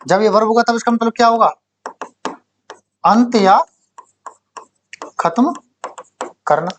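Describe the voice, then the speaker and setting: A male English teacher giving a classroom lecture for exam prep. He explains slowly, repeats key words and keeps quizzing the class. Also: very high voice, muffled recording, a little hiss or hum. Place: coaching classroom.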